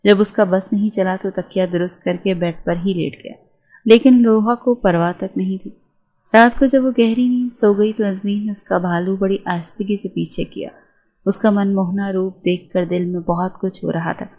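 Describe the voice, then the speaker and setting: A woman narrating a romance novel aloud at a steady, measured pace. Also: medium pitch. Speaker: audiobook narrator.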